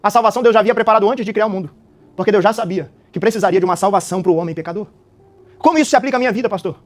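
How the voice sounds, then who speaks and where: A man, preaching an animated, dramatic sermon and often tossing out little tag questions. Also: sits high, racing.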